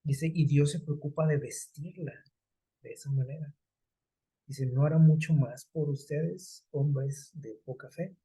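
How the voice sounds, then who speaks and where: Male preacher, husky conversational sermon delivery, slows down for scripture quotes. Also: a little high, fairly even intonation, warm tone, rough recording. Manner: conversational, explains scripture with everyday examples and rhetorical questions.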